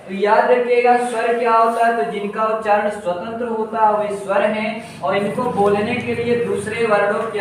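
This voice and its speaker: A man with a high voice teaches an exam-prep grammar lesson, repeating key words slowly and answering his own questions. He sounds set back from the mic in a very echoey room. A faint hiss sits under his voice. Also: recorded from a distance.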